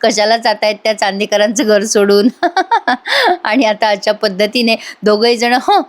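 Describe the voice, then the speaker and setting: A woman narrating a voice-over review of a TV serial episode, chatty and animated, laughing along. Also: mid-range voice, moderate pace.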